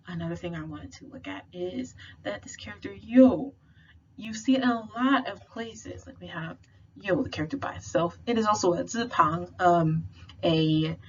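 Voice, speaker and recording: A young woman with a slightly low voice, talking through a tutoring lesson in a relaxed, chatty way with plenty of fillers. The recording sounds a bit dull, with faint background noise. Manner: chatty, explains with lots of fillers and slang. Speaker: Chinese language tutor.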